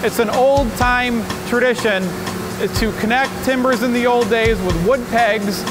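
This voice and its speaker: A man's voice: very high voice, fairly even intonation, measured pace. Man presenting a timber shop tour. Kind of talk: scripted explanatory presentation. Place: timber frame workshop, indoors. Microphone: lapel mic. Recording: loud background music.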